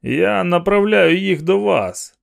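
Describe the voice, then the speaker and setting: Narrator doing a man shouting hoarsely. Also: mid-range voice, expressive, a little slow. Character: man shouting warnings beside a burning house.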